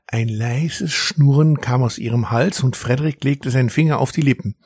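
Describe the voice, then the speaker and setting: A man reading a children's story aloud in an expressive storytelling manner. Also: medium pitch, moderate pace, breathy edge, dry recording, studio quality. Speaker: narrator.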